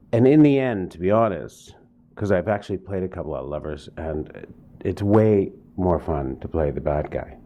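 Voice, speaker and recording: A man's voice: deep voice, mellow. A man, an actor, chatting in an interview, rambling with many fillers and restarts. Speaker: actor guest. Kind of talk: casual interview chat.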